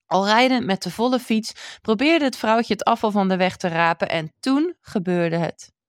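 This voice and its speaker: A woman reading a children's storybook aloud in an expressive, measured way. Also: medium pitch, no echo, studio quality.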